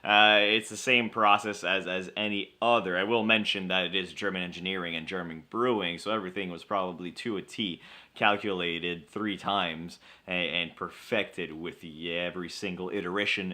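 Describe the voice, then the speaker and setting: A man's voice: low-pitched, sharp tone. A young man co-hosting a casual beer chat, explaining history with wry humor. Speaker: co-host of a beer show.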